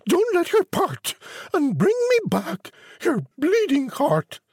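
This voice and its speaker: A storyteller voicing a spoiled, stupid queen who shouts in a shrill, high voice. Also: huge pitch swings, takes it slowly, dry recording, studio quality, full character voice. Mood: shrill demanding.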